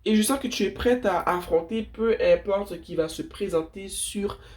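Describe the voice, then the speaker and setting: A woman's voice: mid-range voice, moderate pace, darkish tone. A woman with a blocked, sniffly nose and a nasal voice chats casually and affectionately to viewers as a tarot reader giving spiritual guidance. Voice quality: congested, nasal. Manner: informal, affectionate address to viewers.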